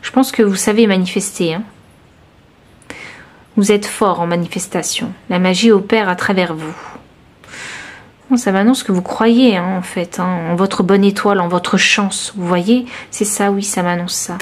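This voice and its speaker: A woman's voice: mid-range voice, fairly even intonation, measured pace. Hesitant woman giving a tarot reading. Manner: hesitant, searching, many fillers and restarts; intimate, reassuring, addresses viewer directly. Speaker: tarot reader. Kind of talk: intuitive tarot reading to camera.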